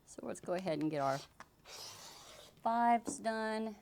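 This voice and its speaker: A woman's voice: mid-range voice, lively intonation, slow, vocal fry, darkish tone. A woman giving a casual sewing tutorial, chatting through each step as she works with fabric. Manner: chatty, talks while working, frequent restarts. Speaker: sewing instructor. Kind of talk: casual how-to demonstration.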